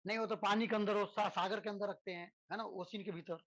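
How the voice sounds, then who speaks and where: A male teacher gives a relaxed physics lesson to students. He keeps checking in with tag questions and leans on rhetorical questions and everyday examples to make his points. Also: high-pitched, fairly quick, poor audio. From India. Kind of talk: lecture to students.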